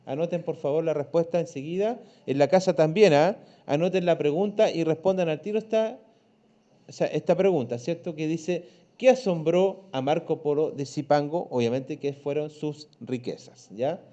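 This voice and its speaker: A man's voice: a little high, normal speed, warm tone, lo-fi sound. A Chilean man teaching a primary school class online, patient, checking in often with his pupils. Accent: Chilean Spanish. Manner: patient, checks in with frequent "¿ya?" and "¿cierto?".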